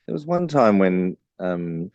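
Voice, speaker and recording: A man with a very low, mellow bass-baritone voice tells stories in an easygoing interview, full of fillers and restarts. The sound is dry and a little dull, like a lo-fi recording. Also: big pitch swings, slow, no echo. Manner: chatty, storytelling with many fillers. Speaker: guest songwriter. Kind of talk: casual interview chat.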